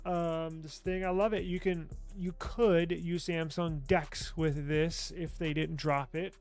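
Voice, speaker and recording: A man hosting a tech show, casually walking through sale items with loose, excited talk, restarts and mild swearing, from a home studio desk mic. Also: fairly high pitch, measured pace, soft background music. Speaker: tech news host. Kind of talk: casual deal walkthrough. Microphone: desk microphone.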